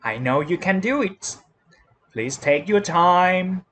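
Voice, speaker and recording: A man with a Thai accent teaches English spelling rules at a very slow, deliberate pace. His voice sits fairly high and swings widely in pitch as he repeats each word and spells letters out. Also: expressive, fairly bright tone, slight background noise. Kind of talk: slow classroom explanation.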